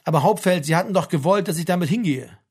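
A man voicing a stubborn young male army conscript who gives flat, insistent replies. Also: high-pitched, fast talker, breathy edge.

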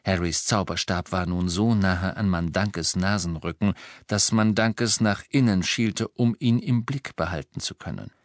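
A man narrates an audiobook with an expressive, evenly paced delivery. His voice sits on the low side. The recording is very dry and close, with no room sound. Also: a little slow, hardly any pauses, no echo.

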